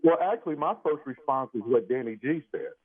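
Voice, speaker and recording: A man's voice: medium pitch, lively intonation, fairly quick. A man calling a sports radio show to debate, talking familiarly to the host and meandering through his point. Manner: familiar, addresses host by first name, meandering. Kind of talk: conversational sports debate on a phone-in. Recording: dull, band-limited phone call to radio.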